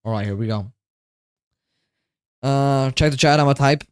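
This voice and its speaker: Tired male livestreamer, rambles and repeats lines to chat; smooth voice, dry close sound. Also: mid-range voice, a little slow, no room sound.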